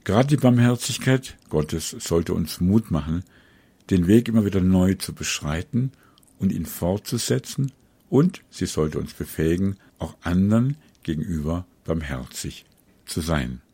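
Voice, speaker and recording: A man giving a spoken sermon in an earnest, measured devotional tone. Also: low voice, lively intonation, dark tone, breathy edge, dry recording. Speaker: preacher.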